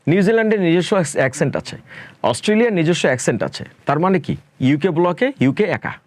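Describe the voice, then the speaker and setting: A man's voice: on the high side, expressive, fast, a little mellow, dry recording. A man from Bangladesh answering interview questions as a spoken English educator, talking emphatically and dropping English phrases into his speech.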